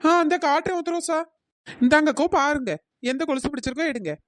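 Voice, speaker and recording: High quick-talking cheeky village girl , a woman voicing her, teasing, dry close sound. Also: no echo, close to an everyday voice. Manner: teasing, wisecracking, melodramatic wailing when scared. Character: young village girl bangle-anklet seller, cheeky. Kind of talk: cartoon voice acting.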